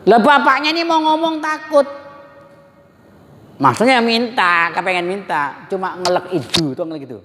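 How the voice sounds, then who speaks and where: A man gives a religious study talk, lively and joking as he turns again and again to address his listeners. His voice sits a little high for a man. A long reverb trails behind him, as in a large hall. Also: moderate pace, slight background noise. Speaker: religious teacher.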